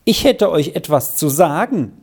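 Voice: medium pitch, animated, unhurried, a little mellow. Reader putting on a nosy landlady, blunt and scolding, voice bouncing up and down. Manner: blunt, reproachful. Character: gossipy scolding village landlady.

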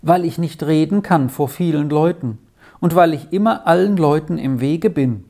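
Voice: mid-range voice, normal speed, creaky, warm tone. A storyteller voicing a shy, timid little girl in a children's storybook, with a lifted young-sounding voice. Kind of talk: storybook reading.

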